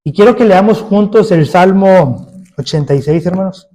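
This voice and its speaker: A man's voice: high-pitched, moderate pace, dark tone, slight background noise. A man preaching a sermon as pastor, emphatic, putting rhetorical questions to his congregation.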